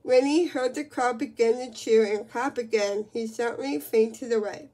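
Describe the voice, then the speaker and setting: A woman's voice: fairly high pitch, moderate pace, mellow. A woman reading a children's book aloud, with frequent slips and restarts.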